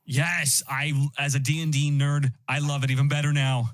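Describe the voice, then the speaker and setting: A man appears as a guest on a livestream hosted by his girlfriend, chatting casually and enthusiastically and often restarting his sentences. His voice is a little high, level in tone, and moderately paced.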